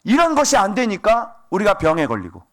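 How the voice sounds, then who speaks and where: A man preaching a sermon as pastor, animated and asking the congregation rhetorical questions. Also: high-pitched, fairly quick.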